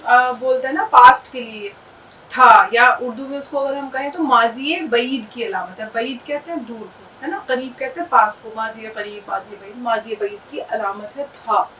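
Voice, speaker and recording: A woman with a high voice gives an Urdu lesson, patiently sounding out letters and words. She draws out each sound and checks in with her listeners. She sounds a little distant from the microphone. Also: a bit bright, slight background noise. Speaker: Urdu teacher. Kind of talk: language lesson.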